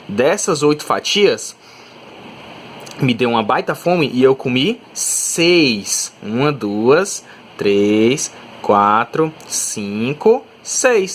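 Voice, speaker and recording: Brazilian teacher explaining fractions, lively voice. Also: male voice, mid-range voice, a little hiss or hum. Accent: Brazilian Portuguese. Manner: explanatory, checks in with "tá?" and "né?", stretches out examples. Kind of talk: recorded math lesson.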